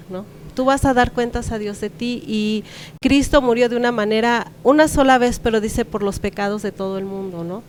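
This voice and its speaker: A woman's voice: a little high, a little hiss or hum, poor audio. A woman sharing an earnest, reflective church testimony in a conversational way.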